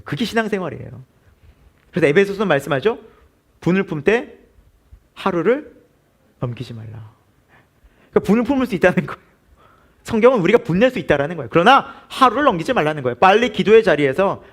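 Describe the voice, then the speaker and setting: A man's voice: high-pitched, fairly bright tone. A male pastor preaching a midweek sermon, asking the congregation questions and answering them himself. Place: church.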